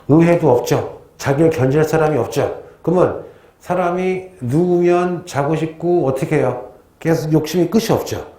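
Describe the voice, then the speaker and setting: A man's voice: a little high, mellow. A male history teacher giving a casual classroom lecture, chatty and joking, with funny asides before he gets into the lesson. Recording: roomy echo.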